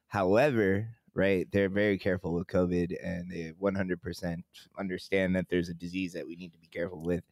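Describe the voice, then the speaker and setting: A man's voice: sits low, little pitch movement, brisk, hardly any pauses, darkish tone, dry recording, studio quality. A man hosting a podcast over a video call, rambling casually and laughing easily. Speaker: podcast host. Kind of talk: casual chat.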